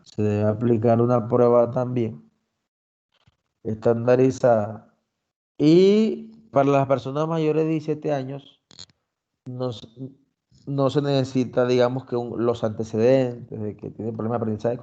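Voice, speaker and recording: A man's voice: mid-range voice, warm tone, highs cut off. A man presenting a lesson, reading criteria aloud and explaining them with examples, often checking in with his listeners. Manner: frequent fillers and restarts, checks with "¿no?". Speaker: lecturer.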